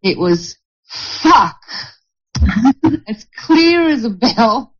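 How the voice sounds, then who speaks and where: A woman's voice: fairly high pitch, very animated, drawn-out words. A woman in a group meeting telling a personal story in a candid way, with laughter along the way, on a muffled recording. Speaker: group participant.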